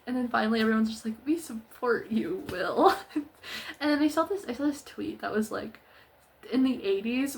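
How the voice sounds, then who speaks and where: A woman's voice: fairly high pitch, slight background noise. A young woman ranting sarcastically in a casual, slangy, rambling video recap full of fillers. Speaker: vlogger.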